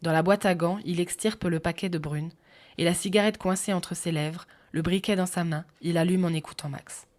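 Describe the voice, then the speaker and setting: A woman calmly narrating a sleep audiobook in an even voice. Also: on the low side, moderate pace. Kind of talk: soft sleep-story narration. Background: faint music.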